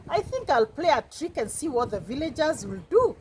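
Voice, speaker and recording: A woman's voice: sits high, sing-song, normal speed, a little mellow, a little hiss or hum, voice pushed up. A woman doing a cheeky prankster shepherd boy. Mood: scheming. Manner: cheeky, gloating. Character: mischievous young shepherd boy, naughty prankster.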